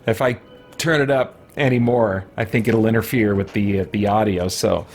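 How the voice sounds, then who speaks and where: An American let's play streamer with a fairly low voice talks at a moderate pace in a steady tone, chatting in a laid-back, rambling way about his game. He records from his home office on a pop-guarded microphone, with soft music in the background.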